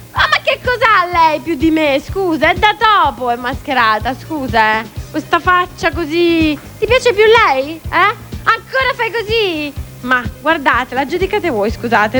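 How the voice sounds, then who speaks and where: Bright high-voiced woman hosting TV. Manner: teasing and chatty, jokes with a guest in a devil costume. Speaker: TV variety show host. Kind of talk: playful studio banter. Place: TV studio.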